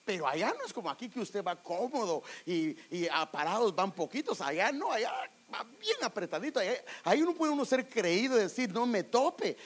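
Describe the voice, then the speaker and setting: A middle-aged man with a Guatemalan Spanish accent gives an animated testimony sermon in a high voice, speaking a little fast with barely any pauses. He shares his personal story and keeps calling his listeners "brother."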